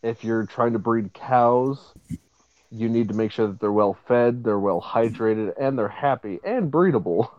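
A man's voice: mid-range voice, measured pace, dry recording, muffled recording. A young man rambling casually on a podcast, full of fillers and swearing. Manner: rambling, profane, filler-heavy. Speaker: podcast co-host. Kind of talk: casual chat.

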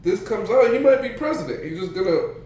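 A man co-hosting a casual podcast, talking in a blunt, excitable, profane way. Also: sits high, brisk, slight background noise. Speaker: podcast co-host. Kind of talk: casual chat. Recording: very echoey room, far from mic.

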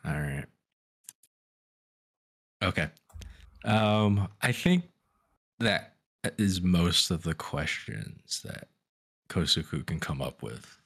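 A man at a tabletop game, talking slowly in a lowish voice. He hesitates a lot, with ums and small laughs while he works out what to ask. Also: big pitch swings, fairly bright tone, slightly rough. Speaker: player. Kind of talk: casual tabletop play.

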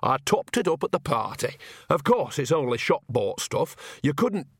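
A man's voice: fairly high pitch, big pitch swings, normal speed, breathy edge, dry recording, studio quality, voice pushed up, full character voice. A man doing an earthy old witch woman. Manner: blunt, homely, teasing.

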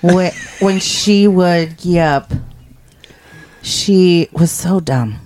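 Lower-voiced woman, teasing podcast co-host. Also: darkish tone, slight background noise. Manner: teasing, quick questions, blunt. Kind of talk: casual chat.

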